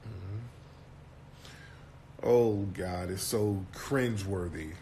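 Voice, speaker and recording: A man's voice: sits low, drawn-out words, mellow, slight background noise. A man hosting a casual commentary talk in a brash, mocking and profane way. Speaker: host.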